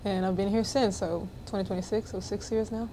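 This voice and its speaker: A woman's voice: mid-range voice, a little fast, slight background noise. A young woman from Israel, a college basketball player, chatting casually as a podcast guest, with lots of fillers and easy laughter. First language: Hebrew. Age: 20s. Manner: relaxed, many fillers, laughs easily.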